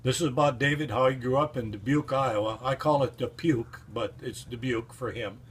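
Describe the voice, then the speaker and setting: An older man tells stories about an old friend in a casual, folksy way. His tales ramble along with plenty of fillers and asides, and his voice sits at an ordinary middle pitch. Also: fairly quick, slight background noise. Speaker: friend giving a book endorsement. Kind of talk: casual storytelling.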